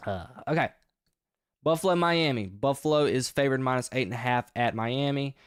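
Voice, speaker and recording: This man runs a sports podcast and talks over his picks for upcoming games, loose and rambling but full of energy and sudden emphatic bursts. His mid-range voice moves at normal speed with a clean tone, he's short of breath, and the sound is dry and of studio quality.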